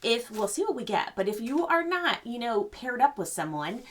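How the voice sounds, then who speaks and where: An older woman giving a gentle, rambling spiritual card reading, full of fillers and reassurance. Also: fairly high pitch, big pitch swings, normal speed. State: choked up. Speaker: psychic reader.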